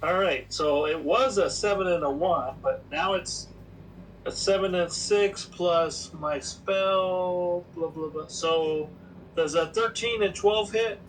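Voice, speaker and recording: A man playing a tabletop game, slow and deliberate, working through the rules aloud. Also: sits high, recorded from a distance, a little hiss or hum, low-quality recording. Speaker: player. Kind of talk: casual game talk.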